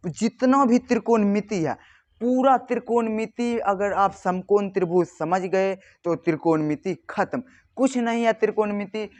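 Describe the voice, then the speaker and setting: Male maths tutor with a high voice, drills students by repeating his questions and answers. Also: measured pace, darkish tone. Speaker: maths teacher. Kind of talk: board exam tutorial.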